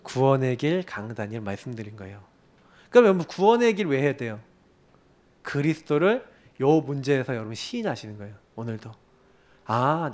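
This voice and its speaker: A middle-aged man preaching a sermon as pastor, swinging between loud emphatic questions and quiet, confiding storytelling. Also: sits high. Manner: asks the congregation questions and answers them himself.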